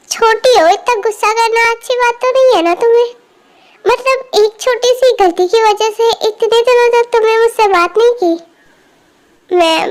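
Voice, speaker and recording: A woman voicing a bossy, teasing young man just back from abroad in a fan audio drama. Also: very high voice. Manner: teasing, scolding, sarcastic.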